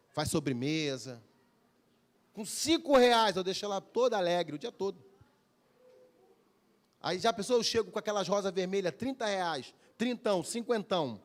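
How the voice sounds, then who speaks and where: A man preaching a Sunday evening sermon as pastor, calling for amens and acting out everyday conversations. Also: high voice. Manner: preaching with call-and-response, acting out everyday dialogues. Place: church service.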